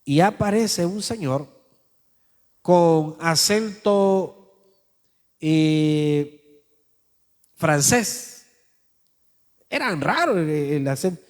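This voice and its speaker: A man's voice: on the high side, lively intonation, extremely slow, pauses often, long reverb tail. A male pastor preaching a sermon, telling a story in a conversational way and speaking straight to his listeners.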